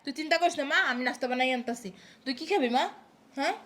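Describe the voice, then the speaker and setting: A woman doing a shrill, nagging old mother-in-law. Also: bright, forceful tone. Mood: doting. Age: older. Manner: scolding, rapid-fire rhetorical questions, tagging "haan?".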